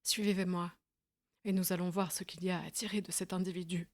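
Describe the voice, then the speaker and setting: A woman reading an audiobook, voicing a shrewd male detective in a smooth, measured manner. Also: fairly low pitch, steady tone, close to an everyday voice. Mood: calm.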